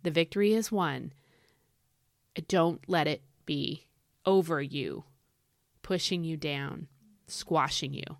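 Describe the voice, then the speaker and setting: A woman's voice: low-pitched, slow pace, pauses often, no echo, clean studio sound. A woman giving an informal devotional talk, exhorting listeners in an emphatic, conversational way and repeating key phrases.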